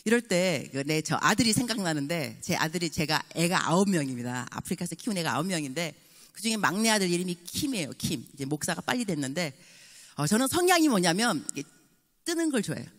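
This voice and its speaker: Woman, 60s, guest pastor, revival sermon, animated, church echo. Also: fairly low pitch, quick pace. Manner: animated, mixes in English phrases and acts out dialogue. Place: church sanctuary.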